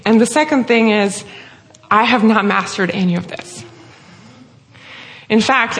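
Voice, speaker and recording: A woman from Russia with a Russian accent, preaching an earnest, heartfelt sermon. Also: medium pitch.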